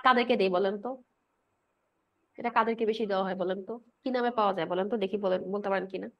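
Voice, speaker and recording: A woman's voice: mid-range voice, fairly even intonation, rapid-fire, highs cut off. A woman lecturing on pharmacology. She mixes in English medical terms, asks the class questions and answers them herself, and repeats key points with a checking "right?". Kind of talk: explanatory lecture with quiz questions.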